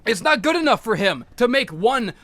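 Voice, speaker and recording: A man with a high, bright voice chats on a casual podcast. He rambles through long retellings, swears freely and restarts his sentences over and over. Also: moderate pace, dry recording. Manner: rambling, profane, excitable retelling with many restarts. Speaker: podcast co-host.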